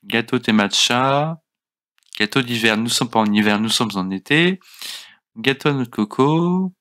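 Slow, chatty man talking to his game characters. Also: medium pitch, fairly bright tone. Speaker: let's play host. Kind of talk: casual gameplay commentary. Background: faint game music.

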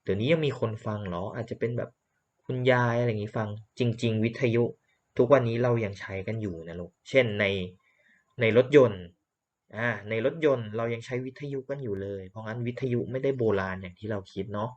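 A man's voice: mid-range voice, a little fast, a little mellow, highs cut off. A man teaching English vocabulary, repeating words for drilling and explaining patiently. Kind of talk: slow classroom lesson.

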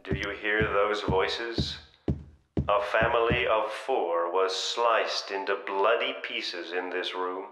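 An actor playing a creepy, mock-welcoming haunted house announcer in a horror game, theatrical and menacingly polite. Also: male voice, fairly low pitch, fairly even intonation, slow. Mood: macabre relish. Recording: echoing room, music underneath.

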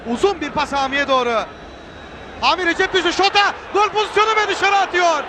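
A man calling a football match live on television, excited and breaking into screamed goal calls. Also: extremely high pitch, brisk. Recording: noisy 1990s broadcast, loud stadium crowd. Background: roaring stadium crowd.

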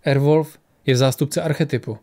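A man voicing a calm, aloof wizard. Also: mid-range voice, close to an everyday voice. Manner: calm, matter-of-fact.

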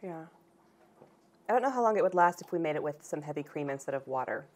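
A woman in her thirties casually talking through a recipe in her home kitchen, relaxed and chatty, picked up by a camera across the room. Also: low voice, quick pace. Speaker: home cooking vlogger. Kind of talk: casual cooking demonstration.

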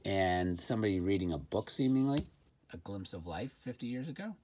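A man with a fairly low, somewhat mellow voice presents a gadget review, demonstrating the product hands-on at an indoor tabletop. He's animated and fairly quick yet informal and a bit hesitant, as if thinking aloud, with faint background noise and handling clicks.

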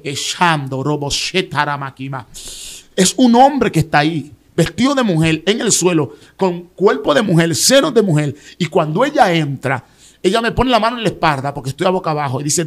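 A man's voice: a little high, expressive, normal speed. A male pastor, giving an emotional personal testimony in dramatic storytelling style. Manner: dramatic storytelling, voicing others in quotes.

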